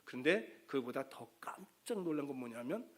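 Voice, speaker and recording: A man's voice: mid-range voice, sing-song, moderate pace, slightly rough. A middle-aged man preaching a sermon as pastor, talking conversationally and acting out the words of parents and children.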